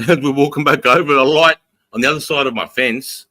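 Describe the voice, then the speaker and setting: A man's voice: mid-range voice, fairly quick, sharp tone, no echo. An Australian man hosting a livestream, chatting and telling stories casually in a blokey way with plenty of swearing. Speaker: livestream host. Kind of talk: casual livestream chat and storytelling.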